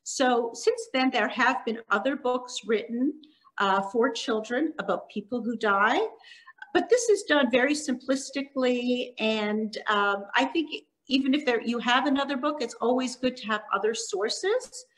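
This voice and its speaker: A woman's voice: on the high side, poor audio. Middle-aged woman presenting on a video call. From Canada (Montreal), born in Hungary. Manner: warm explanatory talk with frequent ums and pauses. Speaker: children's author giving a talk. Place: living room at home. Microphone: laptop webcam on a video call.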